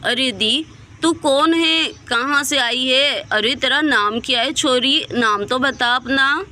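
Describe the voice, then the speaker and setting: A woman's voice: high-pitched, slow pace, pushed and bright, exaggerated voice. A woman voicing a blunt, motherly middle-aged village mother with rustic speech in a storybook tale.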